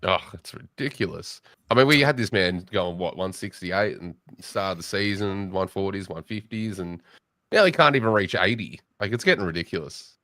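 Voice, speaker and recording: Bantering and joking with guests, this excitable young Australian hosts a laid-back late-night fantasy football podcast. He has a deep voice at an ordinary pace, captured with clean, echo-free studio sound.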